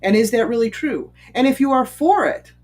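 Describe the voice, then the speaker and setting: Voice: medium pitch, animated, normal speed, a little mellow. A speaker giving unscripted commentary, talking conversationally, asking many rhetorical questions and often saying um or restarting phrases. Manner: frequent ums and restarted phrases. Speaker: commentator on bias. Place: Chicago area.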